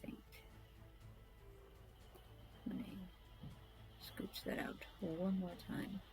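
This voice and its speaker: A woman's voice: mid-range voice, flat delivery, drawn-out words, vocal fry, over music, low-quality recording. A woman chatting casually while she draws, rambling, scattered and self-deprecating, often muttering to herself. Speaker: artist streaming a drawing session.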